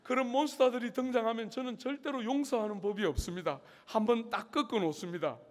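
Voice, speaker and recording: A man's voice: very high-pitched, quick pace. A middle-aged male pastor preaching a sermon at a student conference, telling a story with humor and acting out the scene. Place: large university hall. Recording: long hall reverb.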